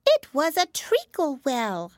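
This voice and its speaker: Storybook dormouse: small, drowsy, sulky, high and thin, voiced by a woman reader. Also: huge pitch swings, slow pace, darkish tone, no echo, studio quality, heavily acted. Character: sleepy sulky little male dormouse.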